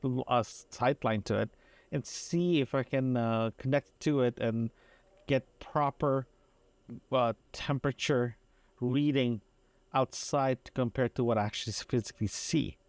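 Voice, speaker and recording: A male podcast host with an average-pitched voice talks through a casual audio diary. He halts, meanders, interrupts himself, and loops back over phrases in an unpolished, conversational way. The recording is dry and close, with no room sound.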